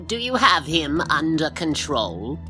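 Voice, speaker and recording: A storyteller voicing an elderly merfolk woman elder, sly, calm and wise, who speaks in a slow, measured way. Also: medium pitch, over music, pitched above the performer's own voice.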